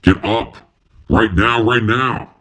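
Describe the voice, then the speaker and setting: A growling fire-filled monster. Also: male voice, very deep voice, takes it slowly, pitched below the performer's own voice, heavily acted. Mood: snarling commands. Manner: snarling, commanding, harsh. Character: young man turned fire-filled, snarling monster. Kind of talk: audiobook narration.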